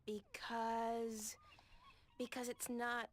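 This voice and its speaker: A woman's voice: a little high, flat delivery, very slow. An actress playing a plucky young female adventurer in a video game, asking frank, curious questions. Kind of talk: video game character acting.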